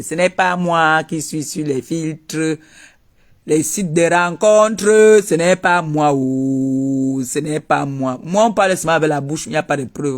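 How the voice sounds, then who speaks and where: A man delivering a mocking comic rant, theatrical and full of repeated taunts. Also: high voice. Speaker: comedian.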